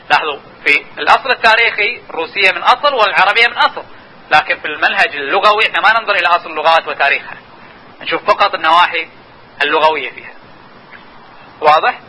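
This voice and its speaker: Fast, bright-voiced male lecturer. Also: sits high, poor audio. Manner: explanatory, repeatedly urging listeners to watch and notice. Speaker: linguistics lecturer. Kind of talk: classroom lecture.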